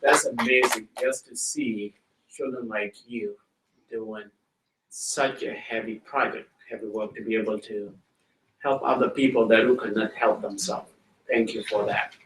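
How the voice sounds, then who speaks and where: A man's voice: lowish voice, steady tone, a bit bright, a little hiss or hum. South Sudanese man speaking to schoolchildren. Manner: plain, slow-paced storytelling, addressing children directly. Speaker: guest speaker. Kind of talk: talk to schoolchildren. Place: school library. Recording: roomy hall audio from a distance.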